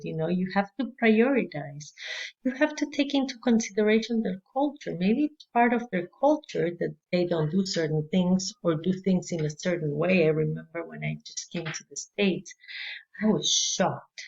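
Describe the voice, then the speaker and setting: A woman's voice: lowish voice, a little mellow, lo-fi sound. A woman from Chile, giving a conversational class lecture on early childhood education, dotted with "you know" and light laughs.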